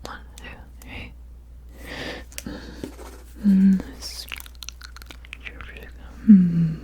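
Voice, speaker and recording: A woman in a whispered role-play, mumbling to herself in a breathy whisper with soft murmurs, hums and half-finished phrases that trail off. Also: mid-range voice, level tone, very slow, background noise. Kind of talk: whispered ASMR role-play of studying the listener and taking notes.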